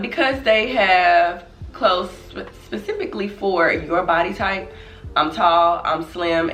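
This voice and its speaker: A woman's voice: on the low side, distant mic. A young woman from Dallas, chatting casually to camera as a vlogger, her voice slightly nasal from a cold. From Dallas, Texas. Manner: chatty and relaxed, laughs often. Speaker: vlogger host. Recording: echoey room, voice off-mic, faint music.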